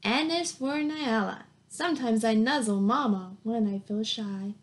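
Reading a children's picture book aloud, this thirtysomething teacher keeps things encouraging and sing-song, mixing in easy questions and praise. Her pitch sits fairly high and her pace is a bit slow. The recording comes from a webcam or laptop mic about arm's length away in a small, plain room at home.

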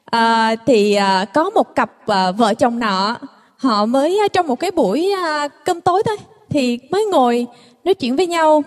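A woman co-host tells a joke from a stage in a polite, formal manner. Her voice is very high, and she hesitates often with fillers. A long hall reverb trails each phrase. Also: lively intonation, moderate pace. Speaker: co-host telling jokes. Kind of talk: stage joke telling to an audience.

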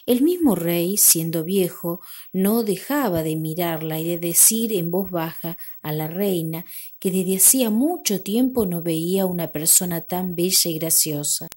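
Woman storyteller, lowish voice, mellow and soft, measured fairy-tale narration.

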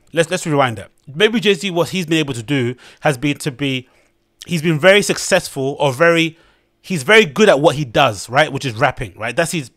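A young London-accented man hosts his podcast, giving blunt, rambling commentary on a news article with lots of fillers and restarts. His voice is on the high side and fairly bright. The sound is clean studio quality, with no echo.

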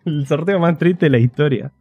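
A man's voice: a little high, moderate pace, husky, no room sound, dull audio. A man with a Rioplatense Spanish accent, commentating a game on a live stream in a chatty, joking way, talking to his chat. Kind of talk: casual livestream gameplay commentary.

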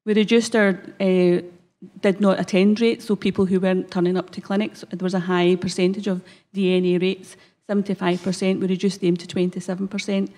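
Scottish woman with a broad accent, evenly pitched. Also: level tone, brisk, a little mellow. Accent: broad Scottish, Glasgow area. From Scotland. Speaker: conference speaker, health service manager. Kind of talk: prepared conference presentation. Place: conference hall stage. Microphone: lectern gooseneck microphone.

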